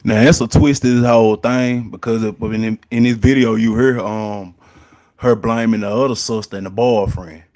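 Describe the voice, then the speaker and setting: A man comments on news clips in a relaxed, unscripted way. His voice is a bit low, and he stops often with fillers while he gathers his thoughts. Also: normal speed. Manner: hesitant, many fillers. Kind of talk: casual commentary.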